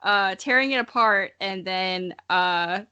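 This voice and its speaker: This American woman in her early twenties, originally from Missouri, hosts a podcast full of informal, joking, self-mocking banter. She speaks slowly at medium pitch, with a sharp, clear, resonant tone, though the sound is lo-fi.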